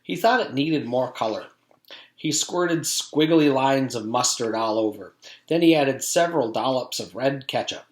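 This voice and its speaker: In an echoey room, a man reads from a children's storybook the way a teacher would to a class. His voice sits at medium pitch, with lively intonation and an unhurried pace.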